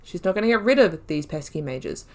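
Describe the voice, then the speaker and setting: A gaming YouTuber with a lowish, animated voice comments briskly on a game playthrough. She thinks aloud in a chatty way and laughs often.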